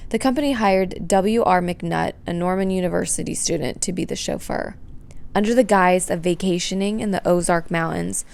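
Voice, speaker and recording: A woman's voice: fairly low pitch, vocal fry, a little mellow, dry recording. A woman reading scripted narration for a news documentary as the reporter.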